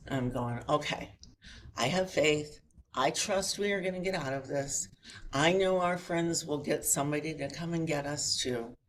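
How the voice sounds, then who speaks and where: A middle-aged woman giving a spiritual lecture in a chapel, telling a personal story with lively voices and rhetorical questions to the audience. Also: low-pitched, a little hiss or hum. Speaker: guest speaker at a chapel. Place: chapel hall before an audience.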